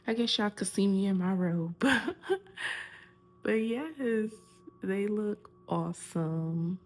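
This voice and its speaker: A woman's voice: mid-range voice, slow. A young woman chatting casually to viewers in a vlog, filmed on a phone. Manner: chatty, addresses viewers as y'all. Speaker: vlogger.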